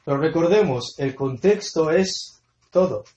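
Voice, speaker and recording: Preacher, male, slightly high voice, emphatic teacher who repeats key words, recorded in a roomy hall. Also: lively intonation, measured pace, dark tone. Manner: quizzes listeners with fill-in-the-blank questions. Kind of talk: Bible study sermon. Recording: echoey room sound.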